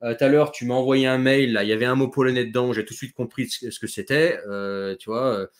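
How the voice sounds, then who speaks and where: A man in an easygoing chat on a video call, with a middle-pitched voice. He talks in an animated, chatty way, full of fillers and quick asides. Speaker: host. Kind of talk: casual chat.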